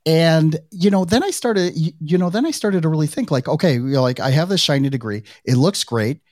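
A man's voice: on the high side, lively intonation, brisk, a little mellow, no echo, clean studio sound. A middle-aged man hosting a podcast interview, chatting casually with lots of "you know" and "right". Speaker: podcast host. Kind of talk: conversational interview.

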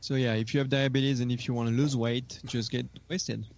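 A man's voice: mid-range voice, level tone, a little fast, darkish tone. A man co-hosting a casual podcast, joking dryly with some hesitant phrasing. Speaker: podcast co-host. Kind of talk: casual chat.

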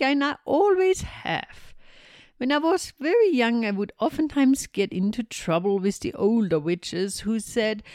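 A woman voicing a scatterbrained, cheerful, very old female witch in a storybook reading, with high, squealing exclamations. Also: a little mellow, no room sound, clean studio sound.

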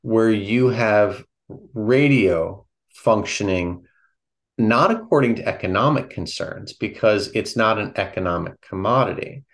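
A man co-hosting a philosophy podcast, talking casually and haltingly, often restarting his sentences as he thinks aloud. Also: on the low side. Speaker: podcast co-host.

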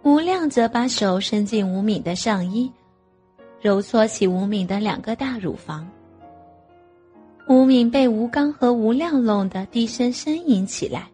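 A woman narrating an audio novel in a slow, even storytelling manner. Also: fairly high pitch, husky, faint music behind.

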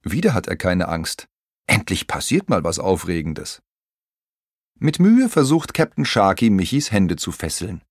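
A man narrating a children's audiobook in an expressive storytelling manner. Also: deep voice, a little slow, breathy edge, no echo, studio quality.

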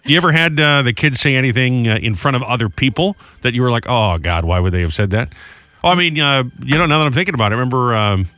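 A man co-hosting a radio show with smooth, upbeat, chatty radio host patter. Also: mid-range voice, fast talker, few pauses, no echo, soft background music. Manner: animated, chatty. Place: radio studio.

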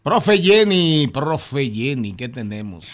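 A man's voice: medium pitch, big pitch swings, slow pace. A man hosting a lunchtime talk show, teasing his co-hosts playfully. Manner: playful, teasing, laughing often. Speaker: host. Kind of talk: radio talk show banter.

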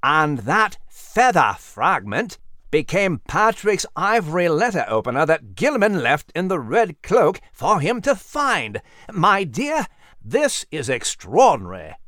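Brief: narrator as polite bespectacled male animal, gentle and lively. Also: fairly high pitch, unhurried, no echo, studio quality, full character voice. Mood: musing. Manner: courteous and methodical, says "my dear". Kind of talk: storybook character voice.

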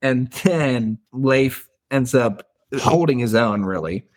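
A man's voice: mid-range voice, expressive, takes it slowly, a little mellow. Laughing man recapping a fantasy book. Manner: retells scenes, reads quotes aloud, laughs often. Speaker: book podcast co-host. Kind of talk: casual book discussion.

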